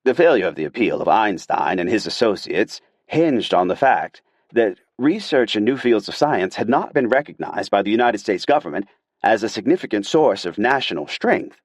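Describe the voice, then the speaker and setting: A man reading first-person testimony for an audiobook in a measured, deliberate manner, close to a studio mic. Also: on the low side, very animated, no room sound. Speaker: audiobook reader.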